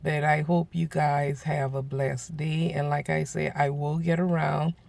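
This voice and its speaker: A man, telling a story to his viewers in a casual, animated way and acting out the voices of people he quotes. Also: a little high, unhurried. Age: 40s. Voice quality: gravelly. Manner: animated, acts out quoted voices, laughs often. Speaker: vlogger.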